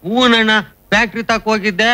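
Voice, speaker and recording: A man's voice: high voice, steady tone, fast talker, pushed and bright. An actor playing a simple-minded, loyal village man who talks in an earnest, rustic, pleading way, in a film comedy scene. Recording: film soundtrack with faint music.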